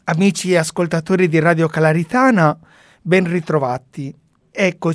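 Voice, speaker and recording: A woman commenting on the Gospel for a radio audience in a reflective sermon style, with pauses and fillers. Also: low-pitched, dry recording, studio quality.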